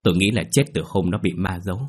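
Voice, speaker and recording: A man voicing a grave older exorcist who gives solemn, ominous warnings in a low, husky voice. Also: steady tone, fast.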